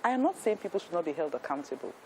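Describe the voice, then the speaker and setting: A woman's voice: lowish voice, big pitch swings, rapid-fire, mellow, a little hiss or hum, poor audio. Earnest Nigerian woman in her fifties. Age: 50s. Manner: earnest, emphatic, with repeated restarts. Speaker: guest. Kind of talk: testimony on a talk show.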